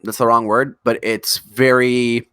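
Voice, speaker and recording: Excited, rambling man co-host. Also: mid-range voice, unhurried, clean tone, no echo, clean studio sound. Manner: enthusiastic, rambling, swears casually. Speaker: podcast co-host. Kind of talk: casual chat.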